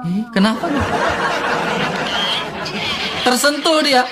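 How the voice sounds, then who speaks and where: A man's voice: extremely high pitch, expressive, slow, a loud crowd, heavy background noise. A man hosting a live-stream chat, teasing his guest in a mock-preachy way.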